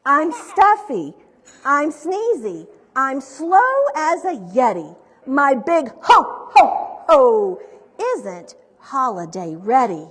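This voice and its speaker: A woman's voice: sits high, big pitch swings, takes it slowly, full character voice. A woman voicing a sick, stuffy old Santa Claus who complains in a storybook read-aloud. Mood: miserable, groggy. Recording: reverberant hall, recorded live.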